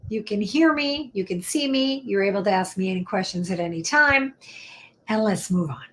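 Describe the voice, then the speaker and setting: A woman's voice: medium pitch, animated, moderate pace, slight background noise. Chatty woman attorney hosting a live show. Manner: chatty, upbeat and talkative, drops into whispered asides. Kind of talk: casual live-stream talk.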